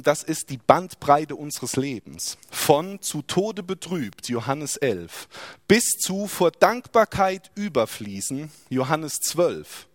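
A man's voice: fairly high pitch, dry recording, clean studio sound. A man preaching a sermon, asking rhetorical questions and dropping his voice for emphasis.

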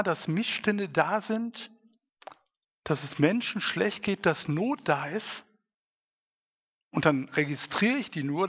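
Preaching man with a gravelly voice. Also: on the high side, a bit bright. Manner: earnest, rising to emphatic stresses. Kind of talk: sermon. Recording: dull sound, long hall reverb.

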